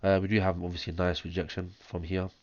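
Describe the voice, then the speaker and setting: A fast-talking, low-pitched, hoarse man with a chesty cough gives a monotone screen-share chart analysis, counting waves step by step and saying um a lot. He is a trading analyst, recorded on a close, dull, lo-fi mic that picks up his breathing.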